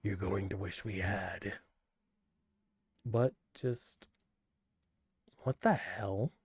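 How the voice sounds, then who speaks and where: A hushed, menacing demon lurking inside a robot, as a man puts it on, speaking low and quiet in a dry, close sound. The game's voice carries a slightly muffled tone over faint background music. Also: very slow, husky, dry recording, full character voice.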